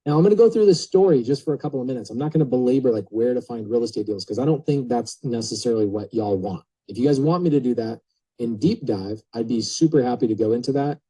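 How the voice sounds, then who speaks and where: Husky-voiced man telling an upbeat story. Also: medium pitch, fast, poor audio. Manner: energetic, chatty, addresses listeners directly. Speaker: guest speaker on a coaching call. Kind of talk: motivational storytelling to a group.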